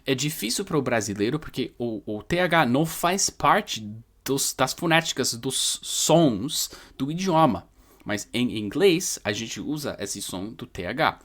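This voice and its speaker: A man's voice: medium pitch, expressive, fairly bright tone. Male English teacher drilling sounds. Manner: storytelling, spells letters out and repeats sounds slowly. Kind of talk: casual video lesson.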